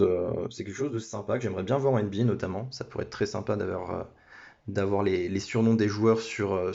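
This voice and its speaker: A man hosts a sports card break on camera, talking casually and stumbling through restarts and little apologies. His voice sits fairly low. The sound comes from a phone and is dull and lo-fi. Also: vocal fry, warm tone. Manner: hesitant, many restarts and apologies. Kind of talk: casual card-opening commentary.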